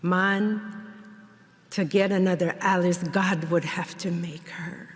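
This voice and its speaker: A woman from Jamaica giving a memorial eulogy in a church, speaking in a measured, reflective way. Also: lowish voice, fairly even intonation. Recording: long church reverb.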